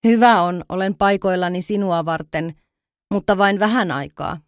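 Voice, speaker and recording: A woman's voice: lowish voice, no echo, clean studio sound, natural voice. A woman voicing a vain, aloof butterfly who thinks itself finer than flowers, in a storybook reading. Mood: haughty. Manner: haughty, self-satisfied.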